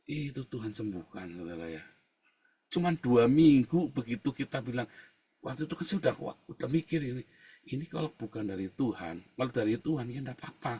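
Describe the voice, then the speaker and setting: A male pastor, preaching conversationally to his congregation and swinging between quiet asides and loud, emphatic outbursts. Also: mid-range voice, lively intonation, a little fast, husky. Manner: conversational preaching, constantly addressing listeners as brothers and sisters. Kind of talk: sermon with personal testimony.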